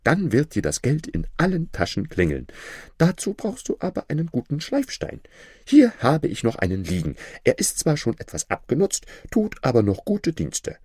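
A man voicing a jolly, crafty male knife grinder who calls out in a cheery, drawn-out way. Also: mid-range voice, wildly swooping pitch, a little mellow, breathy edge, no room sound, clean studio sound, pitched above the performer's own voice.

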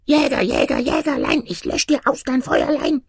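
A squeaky, whispering tiny manikin. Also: male voice, huge pitch swings, normal speed, vocal fry, breathy edge, no echo, clean studio sound, full character voice. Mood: taunting. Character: tiny spiteful male magic manikin.

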